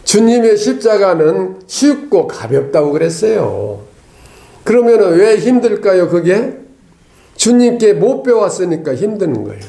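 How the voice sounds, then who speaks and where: A male pastor delivers a sermon in a fairly high but dark, mellow voice with a gravelly edge. He speaks conversationally, often asking the congregation rhetorical questions and adding a questioning "eh?". The sound carries the echo of a church hall. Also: sing-song, measured pace. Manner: tags lines with a questioning "eh?".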